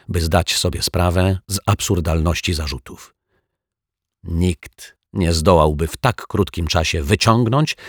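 Brief: male storybook narrator, low and husky, slow, dry close mic. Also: no echo. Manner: measured, expressive narration. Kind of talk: storybook reading.

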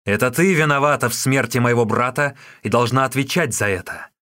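A fierce young warrior bent on revenge, as a man voices him, speaking loud and hard with open threat. Mid-pitched, dry close audiobook sound. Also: brisk, no echo, natural voice. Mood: furious.

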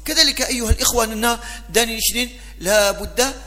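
A man's voice: very high voice, quick pace, sharp tone, slight background noise. A man with a North African accent teaching a religious lesson as a mosque preacher, switching between Arabic and local vernacular. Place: large mosque hall. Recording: long hall reverb.

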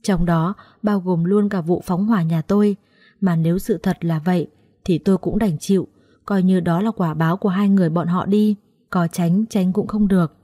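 A woman narrating a first-person audiobook story in a lively, conversational way. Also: fairly low pitch, moderate pace.

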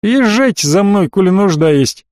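A folksy, sly provincial cabbie, all rustic turns of phrase and eager-to-please fawning, put on by a male narrator. The voice sits noticeably high and a little loud. It is recorded dry and close, with no room around it. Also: animated, moderate pace, no echo. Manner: rustic folksy speech, obsequious. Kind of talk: audiobook character voice.

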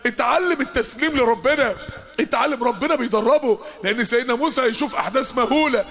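A man with an Egyptian Arabic accent delivers an impassioned sermon at a quick clip. His voice sits very high for a man, and he drives his points home with emphatic force. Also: creaky, a bit bright. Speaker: preacher.

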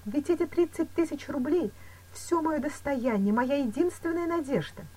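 A woman reading an audiobook voices an anxious young woman in love, with a slightly husky voice and raised, breathless exclamations. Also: sits high, moderate pace, dark tone, voice pushed up, close to an everyday voice, rough recording. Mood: distressed. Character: anxious young woman, lover pleading and frightened.

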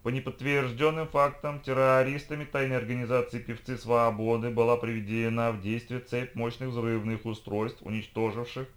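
A man's voice: medium pitch, level tone, moderate pace, few pauses, lightly acted. A man reading an audiobook, voicing a television news announcer with a formal delivery.

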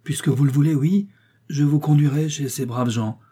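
A man voicing an excitable, warm-hearted Parisian working man who talks eagerly and apologizes a lot, in an audiobook. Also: a little high, normal speed, husky, pitched above the performer's own voice. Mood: grateful. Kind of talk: audiobook character voice.

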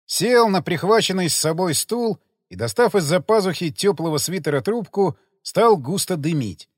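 A male audiobook narrator with a fairly high, very lively voice, telling the story expressively. The recording is dry and close. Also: normal speed, dry recording.

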